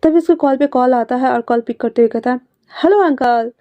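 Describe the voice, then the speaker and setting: A woman storyteller reading fan fiction aloud in a brisk, conversational way, in a dry, slightly muffled recording. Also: sits high, no room sound.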